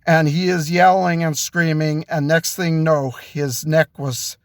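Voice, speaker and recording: A man narrating an improvised story in a slow, unhurried way, a bit higher pitched than most men. He halts and restarts as he goes, and the sound is dry and close. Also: level tone, dry recording. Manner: slow, halting delivery with restarts.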